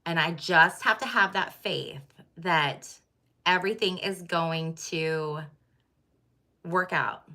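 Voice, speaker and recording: A woman's voice: lowish voice, slow pace, bright, forceful tone. A middle-aged woman chatting candidly and casually to her viewers, with many fillers and restarts. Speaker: tarot channel host.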